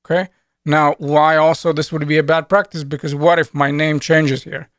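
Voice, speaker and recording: A man's voice: fairly high pitch, level tone, normal speed, fairly bright tone, dry recording, studio quality. A man teaching programming in a screen-recorded tutorial, talking casually and thinking aloud as he types code. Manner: conversational, thinks aloud while typing code. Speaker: programming instructor.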